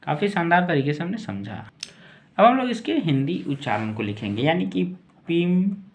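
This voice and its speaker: In a slow English vocabulary lesson, a man spells each word out letter by letter and then repeats it. His voice is a little high and sing-song.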